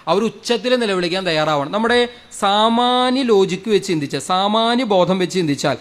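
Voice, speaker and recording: Fervent high-voiced priest preaching. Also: male voice. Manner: fervent, repeats phrases, asks the crowd questions, swings loud and soft. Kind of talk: sermon. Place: church or prayer hall with a congregation.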